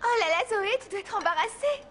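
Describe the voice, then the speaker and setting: A catty teenage girl teases in a squeaky, lively voice. Her tone is bright and sharp. Faint music sits under her. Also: brisk, slight background noise. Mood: teasing.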